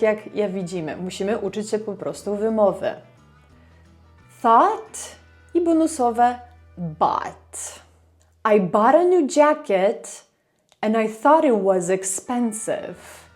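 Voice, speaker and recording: A woman's voice: on the high side, warm tone. Upbeat woman teaching careful pronunciation. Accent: Polish. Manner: upbeat, encouraging, slow careful modeling of English words. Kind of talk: pronunciation lesson, modeling words to repeat.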